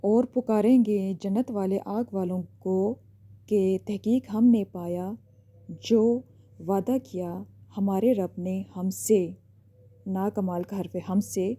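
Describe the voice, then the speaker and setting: A woman teaching an online lesson, explaining step by step and checking in often with a quick "okay". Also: mid-range voice, fairly even intonation, mellow.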